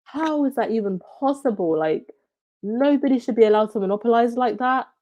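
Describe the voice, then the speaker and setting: A woman's voice: fairly high pitch, mellow, lo-fi sound. Stuffy-nosed woman from Zambia, casual stream chat. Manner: chatty, reacts with quick laughs and "wow". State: stuffy runny nose. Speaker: livestream host reading viewer comments.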